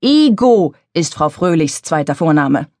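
A woman's voice: low voice, big pitch swings, a little slow, a little mellow, dry recording, studio quality. A woman voicing a sour, scrawny balding man who grumbles and lectures sternly. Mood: grumpy. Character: grumpy, scrawny balding male office worker.

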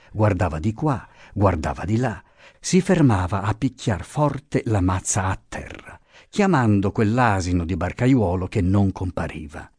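A man narrating a classic novel as an audiobook, reading in an expressive, theatrical way. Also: fairly low pitch, breathy edge, dry recording, studio quality. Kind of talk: scripted literary narration.

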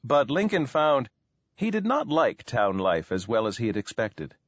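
A man narrating a children's biography audiobook in expressive storytelling. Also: mid-range voice, normal speed, dry recording, muffled recording. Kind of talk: scripted narration.

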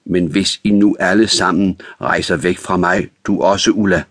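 A man voicing a simple, childlike and remorseful man in an audiobook, speaking in a halting, stammering way. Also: sits low, fairly even intonation, fairly bright tone, dry recording, studio quality. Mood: pleading. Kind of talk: audiobook reading.

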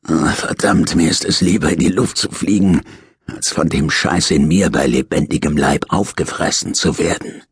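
A man putting on a dying old convict in an audiobook, his voice hoarse and rasping, husky and breathy. He drags his words out slowly, wheedling and cursing by turns, bitter and defiant to the end. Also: extremely low pitch, no echo, studio quality, heavily acted. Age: older.

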